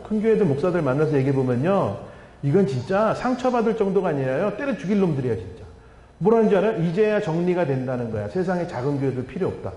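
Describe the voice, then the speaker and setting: A man's voice: on the high side, dark tone. A middle-aged male guest pastor preaching a revival sermon, telling stories with quoted dialogue and rhetorical questions. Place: church sanctuary. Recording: echoey hall sound.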